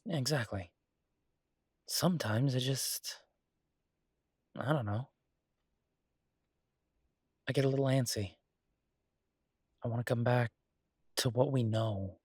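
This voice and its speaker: Sounding wistful, a man voices an earnest, easygoing chef boyfriend in an intimate roleplay audio drama. His husky, reassuring speech is casual and halting, medium in pitch with a darkish tone, captured in a dry, clean studio recording.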